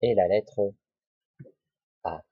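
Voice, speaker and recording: A man teaches a children's spelling lesson, sounding out each syllable slowly and patiently. His voice is a little husky and close, in a dry small room. The recording is dull and lo-fi. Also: lowish voice, no room sound. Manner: slow, patient, syllable-by-syllable dictation. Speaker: primary school teacher.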